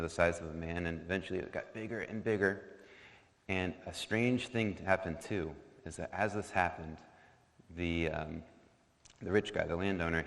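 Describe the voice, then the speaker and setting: A man telling a folk story to a congregation in a casual, joking way, full of fillers and asides. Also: sits low. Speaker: storyteller at a worship service. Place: church sanctuary. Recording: long hall reverb.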